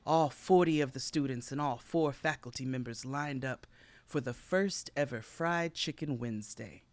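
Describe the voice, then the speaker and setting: A podcast co-host tells a made-up history tale in a mock-solemn, comic style, a kind of tall-tale storytelling. His voice is mid-range and moderately paced, with no echo.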